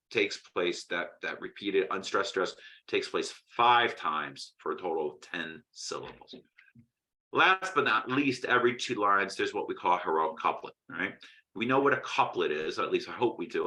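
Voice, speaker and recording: Man giving a bright casual poetry lecture. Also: low-pitched, rough recording. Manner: conversational, frequent "right?" check-ins and restarts. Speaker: literature teacher.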